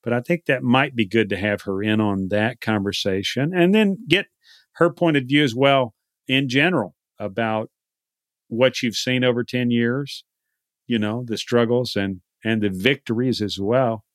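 A man's voice: medium pitch, moderate pace, no echo, studio quality. Rambling Texan man hosting a podcast. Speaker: podcast host. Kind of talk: casual interview chat.

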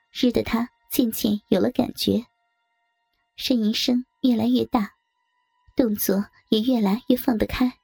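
A woman narrating a first-person story in a steady, matter-of-fact reading. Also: on the high side, creaky, slightly rough, dry recording.

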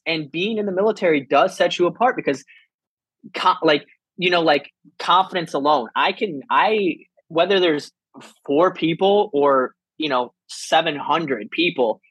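Husky young man, casual rambling talk. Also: a little high, a little slow, fairly bright tone, no room sound, poor audio. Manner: rambling, restarts a lot, swears freely. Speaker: stand-up comedian and military veteran. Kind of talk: casual podcast conversation.

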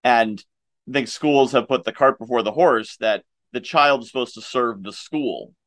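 A man's voice: medium pitch, normal speed, fairly bright tone, no echo. Guy hosting an interview, gets emphatic about his point, dry sound. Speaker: interview host. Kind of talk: casual interview.

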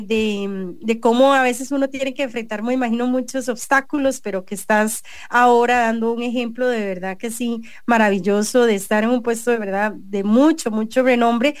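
In a studio-quality recording without room sound, a fairly high-pitched woman with a Costa Rican accent runs a business radio show. She is a host and journalist who gives an earnest editorial and interviews a guest, often restarting and filling pauses.

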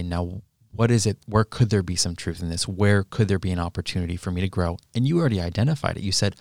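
A man's voice: low voice, darkish tone, no echo, clean studio sound. A man co-hosting a podcast, talking earnestly and encouragingly in a casual conversation. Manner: earnest, encouraging, thinks aloud with restarts. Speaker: podcast co-host.

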